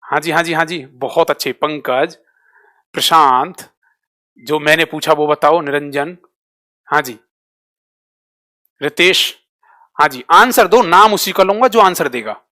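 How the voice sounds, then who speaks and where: A man's voice: a little high, sharp tone. Quizzing male teacher. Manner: drills students with repeated quick questions; switches between Hindi and English terms. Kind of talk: live online class quiz.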